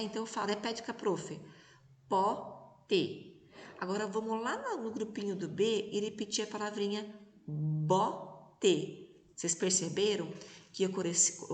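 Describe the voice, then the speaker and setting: A Brazilian woman teaching young children in a remote lesson, speaking slowly and patiently and stretching out syllables. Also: mid-range voice. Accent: Brazilian Portuguese. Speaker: primary school teacher. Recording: echoey, reverberant room.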